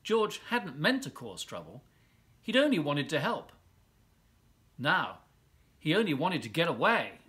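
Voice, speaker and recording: A man volunteering as a storyteller brings a children's picture book to life with drawn-out words and dramatic pauses. His voice is fairly high, bright and forceful, with huge swings in pitch.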